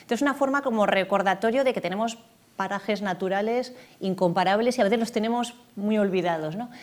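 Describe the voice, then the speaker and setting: A woman from Galicia, Spain, appears as an author guest in a TV studio interview. She speaks briskly at a medium pitch, with many fillers and restarts.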